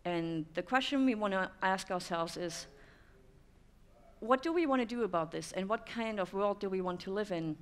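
Before an audience in a dimly lit room with stone walls, a thirty-something German speaker delivers a reflective conference talk full of "um"s. She speaks at medium pitch and normal speed.

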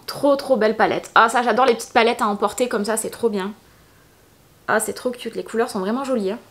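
A woman's voice: a little high, fairly bright tone. A young woman from France, chatting casually and enthusiastically as she unboxes beauty products for her vlog. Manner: chatty and enthusiastic, many fillers and little exclamations. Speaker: beauty vlogger.

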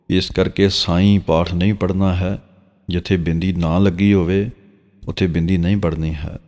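A man with a Punjabi accent, teaching the correct pronunciation of scripture and slowly drawing out each verse he recites. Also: deep voice, a little mellow. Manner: slow, drawn-out recitation of verses between explanations. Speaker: Gurbani teacher. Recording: long reverb.

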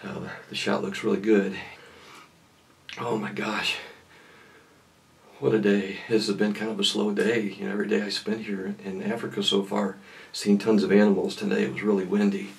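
A middle-aged man hosting a casual hunting vlog, talking to camera in halting phrases with awed exclamations. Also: on the low side, level tone, vocal fry, husky, far from the mic. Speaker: hunting show host. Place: hunting blind and outdoor bushland.

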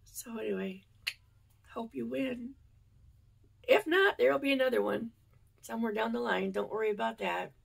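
A woman's voice: on the high side, normal speed, creaky, pauses often, slightly rough. A woman chatting casually on her channel, rambling with lots of fillers, stuffy and congested from a cold. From United States. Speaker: yarn channel vlogger. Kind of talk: casual chat to camera.

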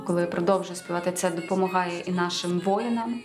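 A Ukrainian woman, a singer and actress, speaking earnestly with many pauses in an interview. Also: on the low side, fairly even intonation. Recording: roomy with music behind.

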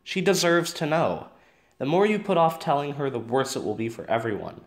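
In an amateur audio drama, a man plays a dry, principled teenage boyfriend who sounds indignant. His mid-range voice is expressive and close to an everyday voice, at a moderate pace with slight background noise.

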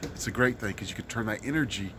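A man's voice: on the low side, quick pace. A middle-aged man from Mississippi, a street musician talking earnestly with many fillers in a casual outdoor interview. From Mississippi, US South. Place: outdoors in a city park by a street. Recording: outdoor street noise behind.

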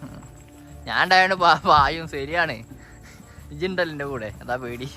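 High-pitched Malabar man in casual banter. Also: moderate pace, pushed and bright, soft background music. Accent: Malabar Malayalam. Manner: mixes English words into Malayalam. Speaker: vlogger. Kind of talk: casual chat with a companion. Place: outdoors on a hilltop.

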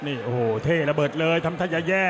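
A man giving excited boxing commentary, exclaiming and repeating short calls. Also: on the high side, fast talker. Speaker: Muay Thai TV announcer and commentator. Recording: crowd and music behind voice. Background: noisy arena crowd and music.

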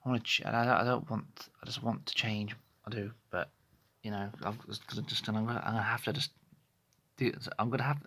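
A man in his thirties vlogs candidly from a small bedroom, phone near his face, his monologue hesitant, rambling and full of restarts. He talks fast on the low side, with fairly even intonation and a sharp tone.

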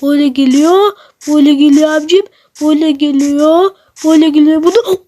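A gaming YouTuber narrating a block-building role-play to their viewers, excitable, with sudden shouts and wailing cries. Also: high voice, quick pace. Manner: talks straight to the viewers, bursts into shouts and wails.

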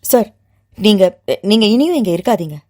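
Brief: proud young widowed mother, heated and insistent, read by the narrator herself, with an animated, swinging pitch. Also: normal speed, close to an everyday voice. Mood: agitated.

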